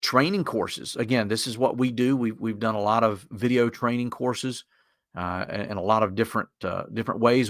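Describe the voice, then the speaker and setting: A man's voice: on the low side, a bit bright, no room sound, studio quality. A man with a Southern Appalachian accent giving an informal, conversational instructional webinar in a folksy manner. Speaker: webinar presenter.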